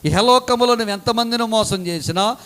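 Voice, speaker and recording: Man, preacher, very high pitch, bright ringing tone, dramatic sermon. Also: fairly quick, smooth. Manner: dramatic preaching, swings between loud calls and low asides.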